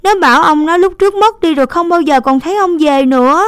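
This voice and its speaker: A woman's voice: quick pace, no room sound, clean studio sound, lightly acted. A woman voicing a stubborn, pouting little girl in a story. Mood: insistent. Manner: pouting, high-pitched and loud.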